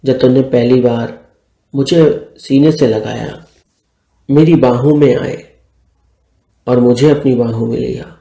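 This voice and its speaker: A man's voice: medium pitch, fairly even intonation, takes it slowly, creaky, pauses often, dark tone, reverberant. A man narrating a romantic story, reading both lovers' lines in his own voice. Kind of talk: scripted story narration with dialogue.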